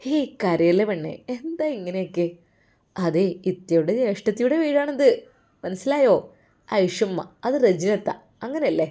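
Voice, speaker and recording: A woman voicing a gentle young husband who talks softly and reassuringly. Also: mid-range voice, lively intonation, normal speed, natural voice. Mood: tender.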